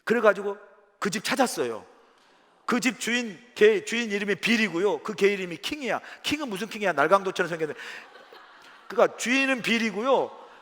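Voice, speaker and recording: A middle-aged male pastor telling a story in a sermon, animated and acting out scenes and his own quoted words. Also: high-pitched, fairly quick. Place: church sanctuary. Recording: long church hall reverb.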